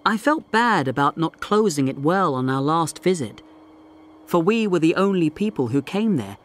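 A man narrating a story slowly and clearly for English learners. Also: a little high, big pitch swings, fairly bright tone. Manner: slow, deliberate, clearly articulated.

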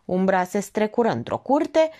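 Expressive woman reading an audiobook. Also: mid-range voice. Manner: expressive, even storytelling. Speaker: audiobook reader. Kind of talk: audiobook narration.

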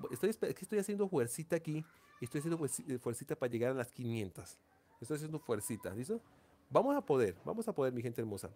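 Seated indoors, a man hosts a long, casual live stream, coaxing his viewers in an affectionate, repetitive way. His voice is medium in pitch and slightly mellow.

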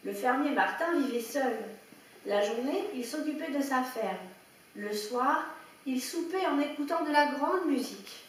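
A woman storyteller reading a children's picture book aloud with lively expression. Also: sits high, unhurried, a little hiss or hum. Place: indoor room at a public story reading. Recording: echoey room, heard from a distance, faint background ambience.

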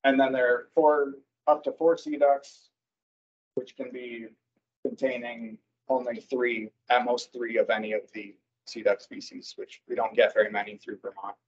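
A man presenting wildlife season recommendations at a public board meeting, speaking haltingly with many fillers and self-corrections over a video call. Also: mid-range voice, fairly even intonation, breathy edge. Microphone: computer mic on a video call. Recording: dull lo-fi video call audio.

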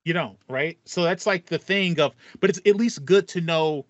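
The host of this podcast is a young man with a fairly high voice, speaking at normal speed as he chats casually and acts out his reactions while telling stories. He's indoors in a small home room with a foam panel, and there's no echo.

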